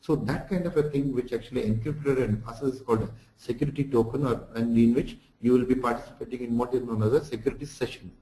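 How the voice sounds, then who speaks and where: A man with a medium-pitched, mellow voice talks fast and barely pauses as he lectures through slides for an online lesson. He explains things didactically, using examples and recaps, and the room sounds echoey.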